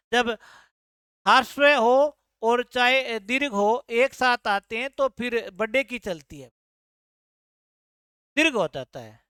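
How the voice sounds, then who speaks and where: Woman tutor explaining answers, high and smooth. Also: a bit bright, no echo, clean studio sound. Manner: explanatory, repeats answers as questions. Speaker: exam tutor. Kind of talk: explaining exam answer key.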